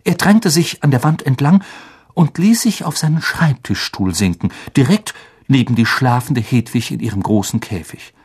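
Male narrator reading a story aloud, husky voice, calm and steady. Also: mid-range voice, moderate pace. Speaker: audiobook narrator.

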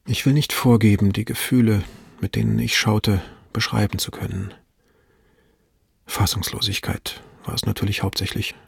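Male storyteller for audiobook narration, measured delivery, raspy voice, dry recording. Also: fairly low pitch, steady tone, dry recording. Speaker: audiobook reader. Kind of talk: scripted narration.

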